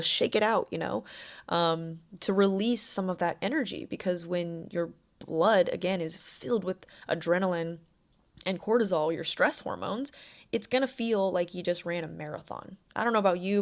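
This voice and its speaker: A young adult woman hosting a self-help podcast, talking in a relaxed, conversational and reassuring way. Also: fairly low pitch. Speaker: podcast host and anxiety coach.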